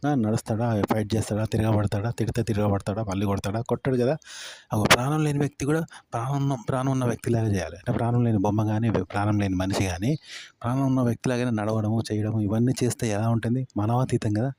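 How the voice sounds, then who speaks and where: A man's voice: lowish voice, steady tone, fast, background noise. A man explaining tips for talking on camera in a repetitive style, listing word after word and asking rhetorical questions. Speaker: YouTube tips presenter.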